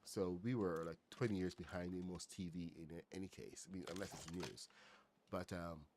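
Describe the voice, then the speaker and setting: A middle-aged Barbadian man streams a building game, chatting casually in a deep voice at a moderate pace with fairly even intonation. There's background noise as he rambles with lots of fillers and greets his chat loudly.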